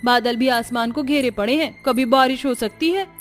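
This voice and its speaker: A woman's voice: high-pitched, normal speed, close to an everyday voice. A woman voicing a poor, hardworking young bangle seller who speaks in an earnest, kind way, over faint music. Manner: bright, earnest, street-vendor calls.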